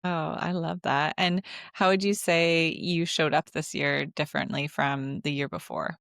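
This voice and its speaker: A woman's voice: low-pitched, fairly even intonation, a little slow, vocal fry, a bit bright, no room sound, studio quality. A woman co-hosting a podcast, encouraging her co-host and laughing easily in casual chat.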